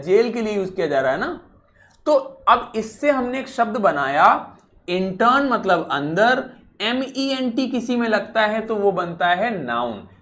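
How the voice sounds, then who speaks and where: A man's voice: high voice, fairly bright tone. A male teacher giving a vocabulary lesson, who repeats key words and keeps asking the class rhetorical questions.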